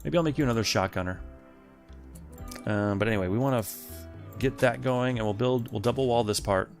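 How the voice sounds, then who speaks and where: A man hosts a let's play in a brisk, creaky, mid-range voice, with faint game music behind. He keeps up casual gameplay commentary, thinking aloud and chatting with the game's characters.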